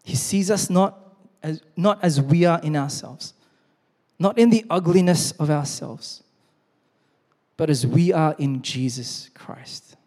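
A man preaching a sermon as pastor, earnest, repeating key phrases and slowing down to read scripture. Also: on the high side, darkish tone. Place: church hall. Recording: long reverb in a large hall.

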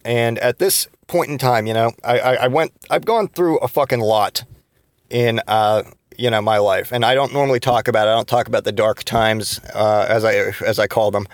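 A man's voice: medium pitch, steady tone, moderate pace, no echo. A man in his thirties hosting a solo podcast, venting in frustration with frequent restarts and swearing. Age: 30s. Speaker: podcast host.

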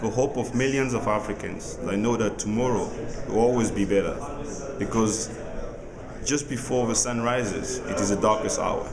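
Low-voiced, measured man with crowd behind. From Côte d'Ivoire. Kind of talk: solemn inspirational testimonial. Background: crowd chatter.

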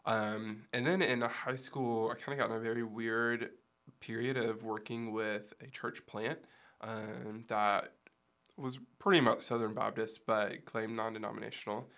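A man with a gravelly, hoarse voice that sounds like it is giving out, chatting casually as an interview guest. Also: fairly low pitch, little pitch movement, measured pace, fairly bright tone. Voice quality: gravelly, losing his voice. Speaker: podcast guest, church production staff. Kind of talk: casual interview, recounting his background.

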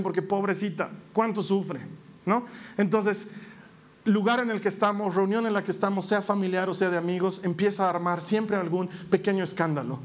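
A man preaching a sermon, acting out everyday examples with dialogue and rhetorical questions. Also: high voice.

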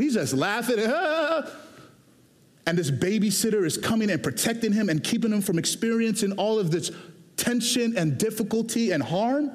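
With a high voice, a Houston, Texas pastor gives a sermon that feels like conversation, moving energetically between brisk asides and slow, stressed phrases. There's a long hall reverb on the recording.

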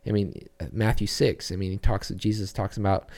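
Young male pastor guest, low warm voice, earnest and searching, lots of ums and restarts. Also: level tone, normal speed, creaky. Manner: earnest, reflective, with many fillers and restarts. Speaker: children's church pastor, guest. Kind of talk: casual podcast interview.

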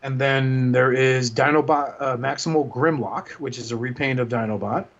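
A man's voice: medium pitch, steady tone, moderate pace, a bit bright. A man chatting casually about toy collecting, joking around and slipping into goofy voices. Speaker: podcast co-host. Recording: muffled lo-fi sound.

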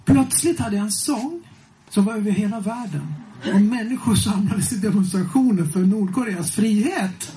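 A man telling a lively testimony to a congregation as a preacher, swinging between hushed and loud and often chuckling. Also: sits high, poor audio. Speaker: preacher and singer.

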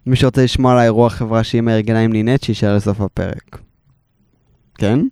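A man co-hosts a chatty podcast, ribbing his partner and walking through long examples. His voice is smooth and resonant, recorded close and dry. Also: lowish voice, fairly even intonation, a little mellow, no echo. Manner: teasing, explains with long examples. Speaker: podcast co-host. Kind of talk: casual podcast debate.

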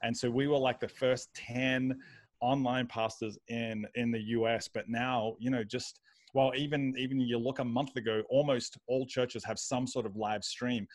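A man's voice: medium pitch, steady tone, normal speed, no room sound. A man with an Australian accent telling his story casually as an interview guest, rambling and repeating words as he goes. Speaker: guest, online pastor.

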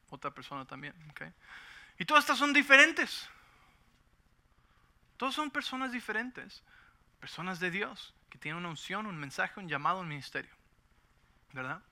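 A man's voice: on the high side, pushed and bright. A middle-aged man preaching a conversational sermon, often checking that the listeners agree. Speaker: pastor.

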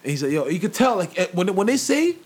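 A man's voice: high voice, sing-song, fast talker, a little mellow. A man chatting casually as a podcast host, rambling through a story with slang and restarts, acting out what others said. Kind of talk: casual chat about hip-hop gossip.

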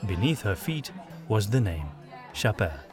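A man's voice: on the low side, big pitch swings, music in the background, a crowd in the background. Man narrating a fantasy audiobook. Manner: measured storytelling, doing all the voices.

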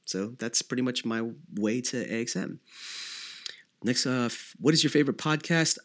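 A man's voice: medium pitch, normal speed. A man in his thirties from the Philippines hosting his podcast alone, answering listener questions in a conversational way with many fillers and restarts. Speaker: podcast host. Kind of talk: solo podcast Q&A.

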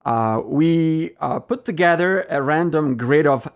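A man, a parish priest being interviewed, speaking haltingly with many fillers in a good-humored way. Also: a little high, smooth. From Poland. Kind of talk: interview guest.

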